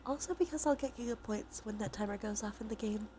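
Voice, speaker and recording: Noise fills the background as a sniffly, sore-throated woman talks gently on a cozy ASMR livestream, often lowering to a whisper. She speaks at a quick pace in a voice on the high side.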